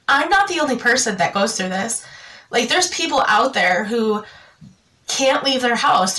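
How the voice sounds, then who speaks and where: A woman's voice: on the high side, pushed and bright, distant mic, rough recording. Tearful young woman vlogging, a bit off-mic. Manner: halting, full of fillers and restarts. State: tearful, jittery. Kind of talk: personal confessional vlog.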